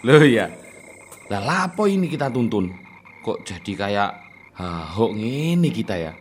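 An actor playing a bold, nosy young man, teasing and swinging from loud to soft in a radio drama. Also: lowish voice, big pitch swings, unhurried, slight background noise. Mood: eager.

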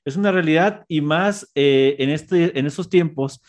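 A man hosts a live stream in an easy, chatty way. He greets viewers by name and reads out their comments. His voice sits on the higher side for a man. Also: measured pace, muffled recording. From Mexico. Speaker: teacher at a school. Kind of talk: casual live-stream chat.

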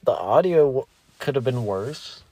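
A man's voice: mid-range voice, animated, a little slow, mellow, no room sound. A man hosting a podcast, chatting casually and rambling, with offhand swearing. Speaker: podcast host.

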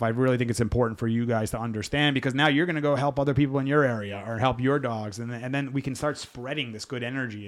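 A man hosting a live dog-training Q&A podcast, talking frankly in a rambling, self-interrupting way. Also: mid-range voice. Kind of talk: casual live Q&A chat.

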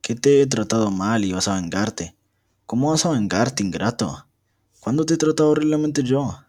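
A man's voice: mid-range voice, expressive, normal speed, slightly rough, pitched above the performer's own voice. A young man doing a haughty, jealous lady. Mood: astonished. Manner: commanding and sharp. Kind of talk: amateur reading of a novel.

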